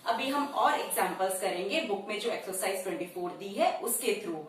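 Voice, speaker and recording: A woman's voice: mid-range voice, expressive, moderate pace, distant mic. A woman teaching shorthand step by step, calling out each stroke in short phrases and repeating every word. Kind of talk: slow step-by-step tutorial. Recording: very echoey room, voice off-mic.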